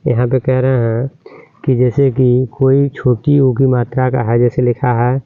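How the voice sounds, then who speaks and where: A man's voice: medium pitch, little pitch movement, unhurried, dry recording. A man teaching children to spell names, drawing out each syllable and often checking that they understood. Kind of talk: slow, spelled-out lesson. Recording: tinny phone-like sound.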